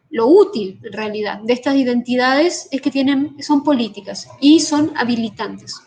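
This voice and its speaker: High-voiced woman, halting talk. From Argentina. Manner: hesitant, many fillers and restarts. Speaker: guest speaker, artist and researcher. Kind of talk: online conference talk. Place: home in Brazil.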